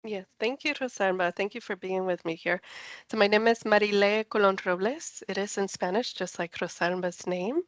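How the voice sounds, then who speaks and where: A woman's voice: mid-range voice, moderate pace, no echo. Upbeat chatty woman from puerto rico teaching science on a video call, dry sound. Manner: enthusiastic, chatty, laughs easily. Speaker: NASA project scientist presenter. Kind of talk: friendly online science talk.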